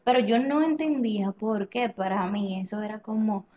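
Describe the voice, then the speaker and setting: A woman appearing on a podcast tells a personal story conversationally, her mid-range voice at a normal speed and her manner animated and relaxed. She performs quoted lines, restarts her sentences often, and laughs a lot.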